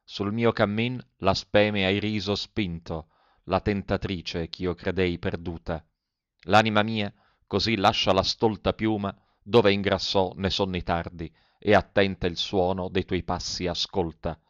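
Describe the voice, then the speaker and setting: Male reciter, low resonant voice, dramatic verse reading, dull lo-fi sound. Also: fairly even intonation, dry recording. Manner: declaiming, with slow solemn pauses. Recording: dull lo-fi recording.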